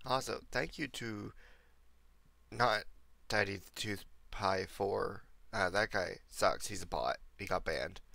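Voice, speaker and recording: A young man with a lowish, gravelly voice and a bright edge, getting over a cold. He rambles casually to his viewers while streaming a game, talking into a desk mic. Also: takes it slowly, no room sound. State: recovering from a cold. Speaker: livestreamer. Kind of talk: casual gameplay commentary.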